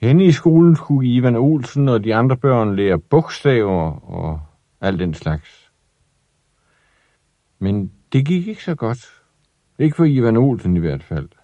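A man reading a children's story aloud in an expressive, lively way. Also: medium pitch, no echo, lo-fi sound.

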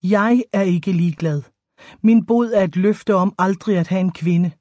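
A woman voicing a brooding young male warrior bodyguard in a storybook reading, speaking in a low, restrained, guarded way. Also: darkish tone, dry recording, studio quality, natural voice. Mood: pained.

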